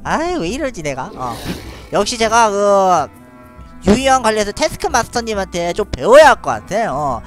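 Faint music plays behind a man who is streaming a card game, talking his moves through aloud and chatting with viewers amid frequent little laughs. His voice sits high with a sing-song lilt, at a normal speed.

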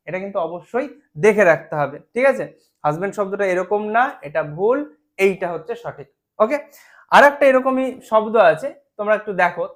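Man, spelling lesson, patient, step-by-step explanations, slows to spell words out. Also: high-pitched. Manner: patient, explains step by step, keeps asking "right?". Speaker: teacher.

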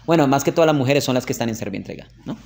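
Man, informal classroom lesson, chatty, storytelling, mid pitch. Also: expressive, rapid-fire, creaky, darkish tone. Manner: chatty, asks "¿ok?" often, tells anecdotes with laughter. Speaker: religious teacher.

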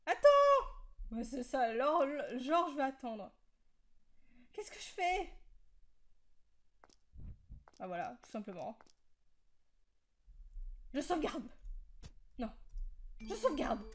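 A woman's voice: high voice, big pitch swings, takes it slowly, pauses often. A woman giving casual commentary on a horror game, jumpy and panicky, often laughing and repeating herself. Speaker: let's play gamer.

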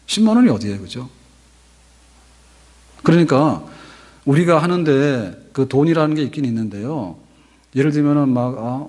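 A husky, warm man in his fifties with a mid-range voice preaches a sermon at the pulpit of a large church sanctuary. He speaks into a pulpit microphone on a stand, talking conversationally and putting rhetorical questions to the congregation, with a long hall reverb on the recording.

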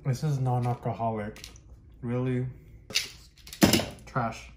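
A man's voice: mid-range voice, little pitch movement, slow. A man in his thirties talking through a cloth mask, giving easygoing, chatty commentary for a candy taste-test vlog. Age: 30s. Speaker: vlogger. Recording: echoey room with noise.

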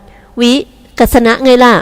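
A woman reading aloud, voicing an outspoken young woman friend who talks quickly. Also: long reverb tail, natural voice. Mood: hurried. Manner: quick, hurried.

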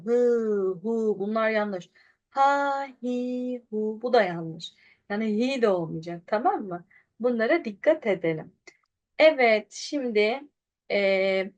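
A woman teaching pronunciation online, demonstrating sounds and contrasting right and wrong versions while patiently addressing her viewers. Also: mid-range voice. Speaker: Quran recitation teacher.

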